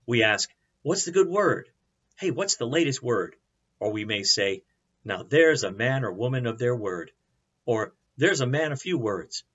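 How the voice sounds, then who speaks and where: A man preaching as a pastor, teaching in an earnest, measured way with rhetorical questions. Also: mid-range voice, pushed and bright, breathy edge, muffled recording. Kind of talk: sermon.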